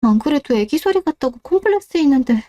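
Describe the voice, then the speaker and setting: A woman's voice: sits high, animated, quick pace, dark tone, no room sound, clean studio sound. Woman doing a timid girl with babyish voice. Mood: defensive. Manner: pleading, defensive. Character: timid teenage schoolgirl with a babyish voice.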